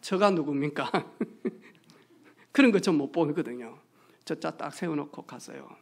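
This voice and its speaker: A pastor preaching a sermon, telling stories with acted-out quotes and hushed asides. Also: medium pitch, expressive, a little slow, gravelly. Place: church sanctuary.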